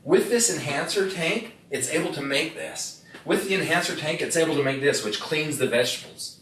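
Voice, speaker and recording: A man's voice: a little high, normal speed. Middle-aged male presenter, jokey storyteller, live demo, distant roomy mic with faint noise. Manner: storytelling, jokey, asks the audience questions. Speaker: product presenter. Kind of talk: live product demonstration to an audience. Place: room with a live audience.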